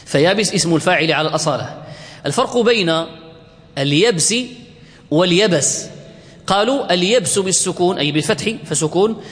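A man teaching Arabic word forms to a class. He asks the class questions and answers them himself, and he slows right down to spell out each form. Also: sits high, lively intonation, a bit bright, big-room sound. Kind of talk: classroom lecture.

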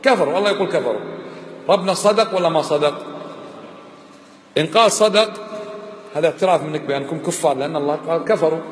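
A man's voice: a little high, fast, long pauses. A man giving a religious lesson, pressing his listeners with insistent rhetorical questions. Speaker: religious teacher. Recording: echoey hall, faint background noise.

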